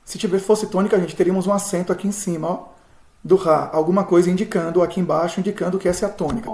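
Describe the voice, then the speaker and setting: A man, a pastor teaching Biblical Hebrew in a recorded lesson, patient, repeating words slowly and checking in often with his students. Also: high-pitched, steady tone, a little mellow. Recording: echoey room.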